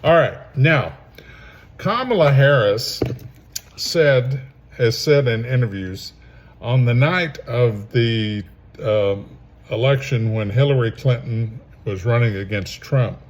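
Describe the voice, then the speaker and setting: A man talks through his kitchen ingredients at an unhurried, easygoing pace. He rambles into opinionated asides, with a middle-of-the-road pitch. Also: lo-fi sound, a little hiss or hum. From southern Louisiana. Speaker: home cooking show host. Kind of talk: casual cooking vlog commentary.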